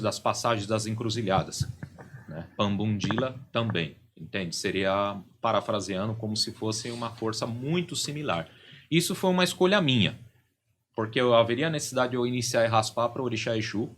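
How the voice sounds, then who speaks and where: A man's voice: fairly low pitch, brisk, a bit bright, slight background noise. A middle-aged Brazilian man, a podcast guest and religious leader, explaining at length and often checking in with "né?" and "entende?".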